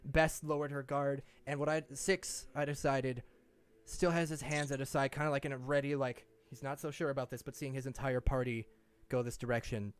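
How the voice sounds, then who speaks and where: A man acting as game master, improvising descriptive narration with dramatic pauses. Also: mid-range voice, steady tone, smooth.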